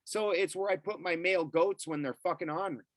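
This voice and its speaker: A man's voice: high voice, a little fast, no room sound. A middle-aged man telling a story as a podcast guest, casually and with a lot of swearing. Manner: profane, animated storyteller.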